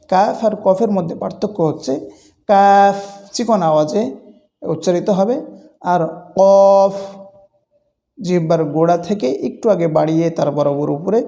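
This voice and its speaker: A man with a high but mellow voice teaches letter pronunciation. He speaks slowly and deliberately and stretches each example sound. His steady instructional delivery suits a recitation lesson. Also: creaky.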